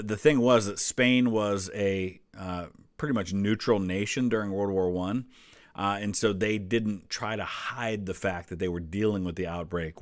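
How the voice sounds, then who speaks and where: A reacting video host in his forties walks through history in casual, explanatory commentary, stressing the key answers in a conversational way. His voice is fairly low, and the recording is very dry with no room sound.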